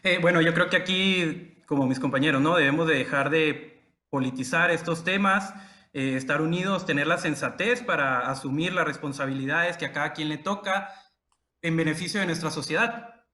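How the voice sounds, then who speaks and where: A man's voice: on the high side, moderate pace, pushed and bright. A man, a panelist speaking in a plain, matter-of-fact way. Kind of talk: panel discussion. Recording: echoey room.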